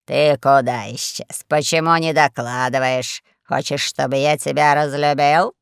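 A performer voicing a fat, lazy alien overlord who speaks in a slow, low drawl, in an audiobook. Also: steady tone, creaky, smooth, no room sound, clean studio sound. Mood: lazy menace.

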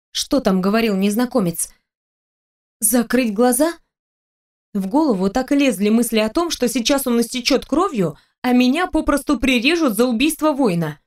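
A woman narrates a fantasy audiobook in the first person, telling the story expressively. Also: on the high side. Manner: expressive storytelling, with the heroine's lines read in her own voice.

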